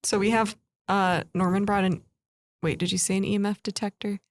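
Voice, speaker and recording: A woman's voice: medium pitch, little pitch movement, fairly quick, a little hiss or hum. Playful, jokey female co-host, curious and casual, recorded inside a house. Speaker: podcast co-host. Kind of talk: casual chat during a ghost hunt.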